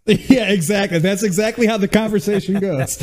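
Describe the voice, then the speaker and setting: A man hosting a casual podcast chat, relaxed and quick to laugh, thinking aloud as he talks. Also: high-pitched. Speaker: podcast host. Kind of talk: casual conversation.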